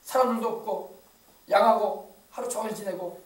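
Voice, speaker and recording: A man's voice: high-pitched, fairly even intonation, moderate pace. A man preaching a rousing sermon as a pastor, with a regional Korean accent from the Yeosu area. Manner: rousing call-and-response preaching. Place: church sanctuary. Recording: echoey church from far off.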